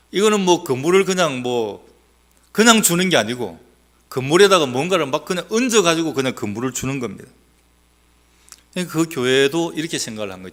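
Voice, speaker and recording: A male pastor from South Gyeongsang, Korea, preaches a sermon in a mixed Gyeongsang Korean accent. He teases the congregation with questions and speaks emphatically, rising to loud exhortation before dropping low into quiet asides.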